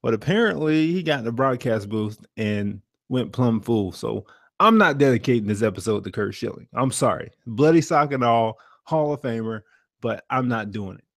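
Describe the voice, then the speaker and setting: A man co-hosting a podcast, talking sports in an animated, slangy, joking way. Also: mid-range voice, normal speed, creaky, no room sound, studio quality. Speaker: podcast co-host. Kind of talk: casual chat about sports.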